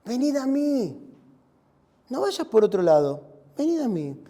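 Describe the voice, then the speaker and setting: A man with a Rioplatense Spanish accent, preaching a sermon in a church, swinging between loud shouts and hushed, quiet lines. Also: very high voice, very animated, unhurried. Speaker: pastor.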